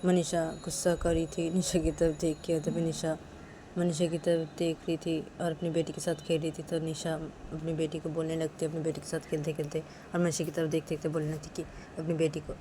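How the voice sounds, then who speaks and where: A woman's voice: low-pitched, mellow, a little hiss or hum. Woman narrating a story casually. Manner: repetitive, links every line with "then she says".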